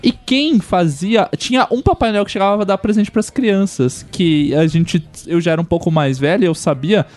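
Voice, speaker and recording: A man's voice: high voice, normal speed, few pauses. A man from Brazil recalling a family Christmas in a casual podcast chat. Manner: lively anecdotal chat.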